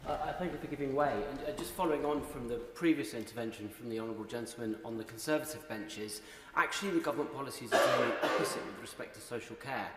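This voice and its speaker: A man's voice: mid-range voice, quick pace. A man, a member of parliament, making an insistent, critical intervention in a debate. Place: large parliamentary chamber. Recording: echoey noisy hall.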